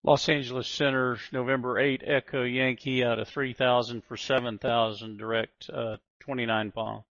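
A man speaking as a pilot over a headset radio, making calls to air traffic control and reading back clearances in a relaxed way, with a few hesitant fillers. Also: medium pitch, normal speed, dry recording. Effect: pilot headset radio transmission. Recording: muffled radio audio, dry.

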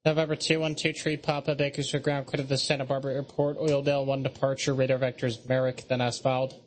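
A man's voice: mid-range voice, little pitch movement, quick pace. A man working as an air traffic controller, giving procedural radio instructions.

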